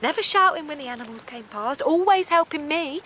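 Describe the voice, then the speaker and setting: In a naturalistic audio drama, an actress plays a naive, kindly middle-aged village woman who is upset and pleading. She sounds hesitant, defensive and protesting, using colloquial phrasing and repeating herself. Her voice is high-pitched, expressive, brisk and fairly bright, with slight background noise.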